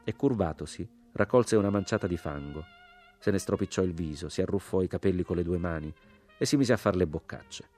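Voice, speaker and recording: A man reading a literary novel aloud, with measured, sober storytelling. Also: low voice, darkish tone, faint music behind. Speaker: audiobook reader. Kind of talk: literary audiobook narration.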